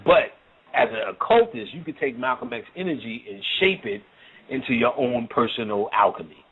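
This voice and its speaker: A man's voice: medium pitch, lively intonation, normal speed, creaky, breathy edge. Man lecturing over tinny phone-like audio. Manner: loose, profane storytelling with frequent "you know what I'm saying". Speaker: occult lecturer. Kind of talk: casual spoken lecture.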